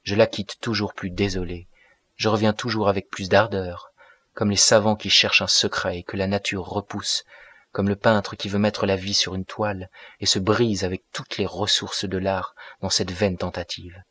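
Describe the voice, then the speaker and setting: A man's voice: low voice, little pitch movement, normal speed, fairly bright tone, breathy edge. A man reading the part of a brooding, passionate young man in an audiobook, in an intense, declamatory manner. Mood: impassioned.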